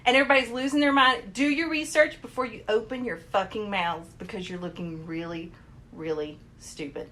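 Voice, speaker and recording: A woman's voice: medium pitch, brisk, a bit bright, slight background noise. A woman co-hosting a podcast, ranting in casual chat with lots of swearing and mocking impressions. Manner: profane, heated, mocking voices. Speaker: podcast co-host.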